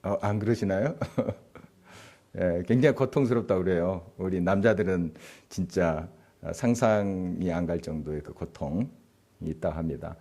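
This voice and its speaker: A man's voice: sits low, a little slow, mellow. A male pastor giving a conversational sermon, asking the congregation questions and chuckling as he speaks. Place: church sanctuary.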